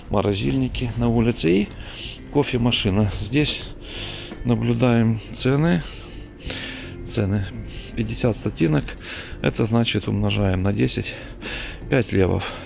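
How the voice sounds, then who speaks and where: Gravelly-voiced man on a night street walk. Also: medium pitch, over music. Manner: chatty, unhurried, coughs now and then. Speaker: vlogger. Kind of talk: casual walking tour commentary. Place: city street at night, outdoors.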